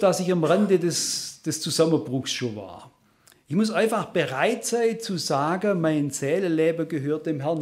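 A man's voice: fairly high pitch, darkish tone. A man preaching a sermon, earnest and emphatic, speaking straight to his congregation. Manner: earnest, emphatic, addresses listeners directly.

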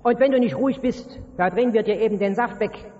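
A man's voice: high voice, a little fast, darkish tone, slight background noise, natural voice. A man preaching a sermon voices scornful, threatening bystanders, heard in a dull recording with a long hall reverb. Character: bullying crowd of men, scornful and threatening.

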